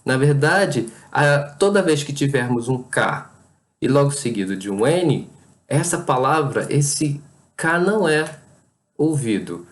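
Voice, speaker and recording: Speaking slowly at a medium pitch with large rises and falls, this Brazilian Portuguese-accented English teacher runs a pronunciation lesson. Each word gets repeated patiently, its sounds exaggerated for clarity.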